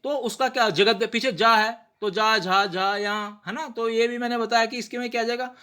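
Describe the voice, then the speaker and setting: A man giving a patient pronunciation lesson, sounding out words slowly and checking in with rhetorical questions. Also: very high voice, steady tone, sharp tone, smooth. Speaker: teacher of prayer pronunciation. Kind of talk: explanatory lesson.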